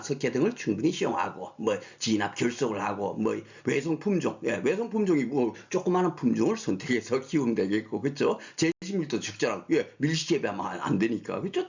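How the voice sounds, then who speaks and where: A man teaching an exam prep lecture, talking in an animated way, constantly asking rhetorical questions and checking in with his listeners. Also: mid-range voice, vocal fry. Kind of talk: recorded online lecture. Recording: dull lo-fi lecture audio.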